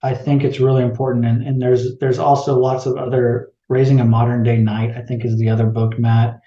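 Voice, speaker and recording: Mellow-voiced man in an echoey room. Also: medium pitch, a little fast, highs cut off. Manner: animated, questioning, often acts out others' lines. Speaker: podcast co-host. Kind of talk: casual chat.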